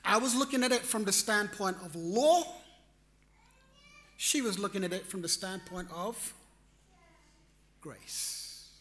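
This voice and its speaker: A man telling a personal story in a reflective, animated way, acting out his own reactions. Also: sits high, moderate pace, long pauses. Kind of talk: storytelling talk.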